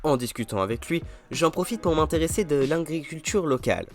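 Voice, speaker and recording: A man's voice: on the high side, animated, brisk. A young man narrating his own gameplay in an upbeat, self-mocking voice-over. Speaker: gaming YouTuber. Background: game music.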